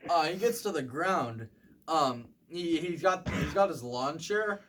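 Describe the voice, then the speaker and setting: A young man doing rambling stand-up comedy, halting with ums and likes and acting out the voices of people in his stories. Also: fairly high pitch, expressive, fairly bright tone, slight background noise. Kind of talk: rambling comic storytelling.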